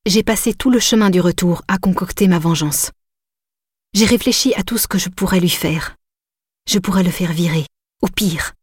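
Low-voiced woman narrating a novel. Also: moderate pace, breathy edge, no room sound, studio quality. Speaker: audiobook narrator. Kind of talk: first-person novel narration.

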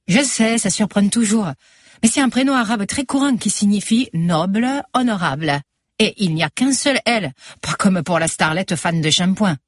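A woman voicing a cheerful young woman in her thirties with a Marseille accent, lifting her voice higher for the character. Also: expressive, normal speed, dry recording, studio quality, close to an everyday voice. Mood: friendly. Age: 30s. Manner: bright, chatty, welcoming.

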